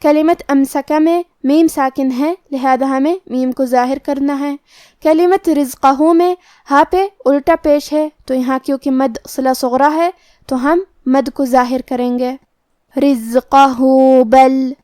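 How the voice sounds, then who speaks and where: A woman teaching Quran pronunciation rules in a calm, methodical way. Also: high voice, no echo, studio quality. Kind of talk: tajweed lesson, explaining then reciting slowly.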